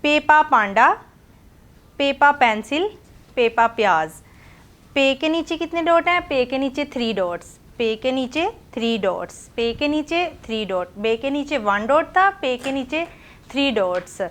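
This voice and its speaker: A woman teaching small children with a somewhat high voice. She draws out each letter sound and repeats it, speaking at an unhurried pace and slipping into English words now and then. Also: expressive. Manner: slow, drawn-out repetition of letter sounds, mixing in English words. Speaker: playgroup teacher. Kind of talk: online phonics lesson for small children.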